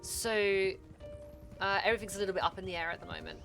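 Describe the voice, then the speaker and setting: A woman streamer talking casually to her viewers in a halting, subdued way with many fillers. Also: fairly low pitch, huge pitch swings, pushed and bright, soft background music.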